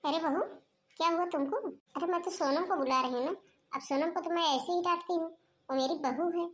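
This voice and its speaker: A bossy, scheming mother-in-law in a cartoon, voiced by a woman. She scolds in a high, bright voice. A faint hiss sits under the speech. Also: brisk. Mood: scolding. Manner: scolding, shouting for her daughter-in-law. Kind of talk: cartoon dubbing.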